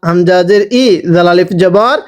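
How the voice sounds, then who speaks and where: A man teaching Quran reading, spelling out each letter and vowel mark slowly, then asking the listener to repeat after him. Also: high-pitched, clean tone, highs cut off. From Bangladesh. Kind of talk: slow spelling-out recitation lesson.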